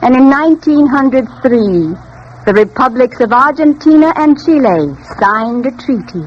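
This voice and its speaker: A woman's voice: high voice, expressive, unhurried. A woman narrating a 1930s radio drama in an earnest, declamatory way, with the sound of an old-time radio broadcast. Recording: muffled 1930s radio recording with faint hiss.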